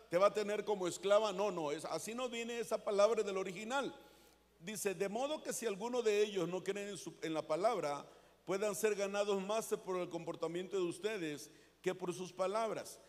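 A man with a Mexican accent preaching a sermon as pastor, earnest and conversational, calling on the congregation to repeat after him. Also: sits high. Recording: echoey hall with long reverb.

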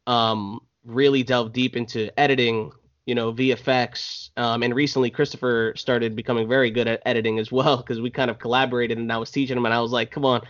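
A man's voice: medium pitch, a little fast. Rambling man chatting casually. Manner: relaxed, rambling with many fillers. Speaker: podcast guest, filmmaker. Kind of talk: casual podcast chat. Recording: slightly dull lo-fi sound.

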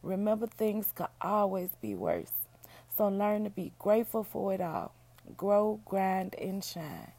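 A woman with a raspy, hoarse voice, sounding unwell as she chats casually to her podcast listeners in a down-home way. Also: mid-range voice, big pitch swings, a little slow, dark tone. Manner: down-home, addresses listeners as y'all and baby. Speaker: podcast host, book reviewer. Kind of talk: casual solo podcast chat.

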